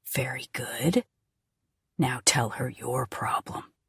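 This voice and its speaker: A woman's voice: fairly low pitch, expressive, unhurried, darkish tone, husky, dry recording, studio quality, exaggerated voice. A woman voicing a menacing mocking captor.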